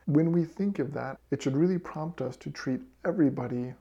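Male devotional lesson host: earnest, reflective delivery, mellow, gravelly voice. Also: fairly high pitch, brisk, highs cut off. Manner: earnest, reflective, reads quotes aloud. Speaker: scripture study podcast host.

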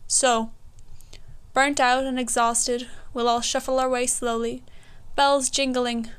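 A woman's voice: fairly high pitch, little pitch movement, takes it slowly, clean tone. A nineteen-year-old woman with a west of Ireland accent, a poet reciting her work and talking about it. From Galway, Ireland. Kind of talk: poetry recitation and personal introduction.

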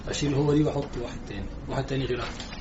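A man's voice: medium pitch, rapid-fire, background noise. A male student with an Egyptian Arabic accent asking a hesitant question in class. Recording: dull sound over classroom chatter.

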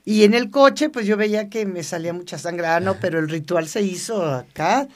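An older woman, a guest in an interview, telling stories in a lively way, often laughing and acting out quoted dialogue. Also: medium pitch, normal speed. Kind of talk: casual storytelling interview.

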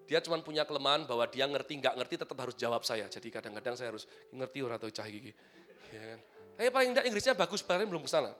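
A man preaching a sermon, his voice high and bright. He swings from soft, quiet asides into loud, emphatic bursts. Faint music plays behind him. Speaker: pastor.

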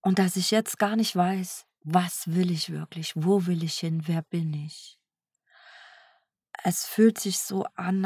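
A woman speaking softly in an introspective self-dialogue, searching for words and often sinking into a whisper. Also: lowish voice, slightly rough, dry recording, studio quality. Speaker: energy healer.

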